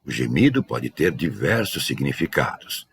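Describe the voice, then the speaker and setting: A man working as a dog trainer, giving a measured, scripted educational narration. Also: extremely low pitch, sing-song, creaky. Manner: measured, explanatory delivery.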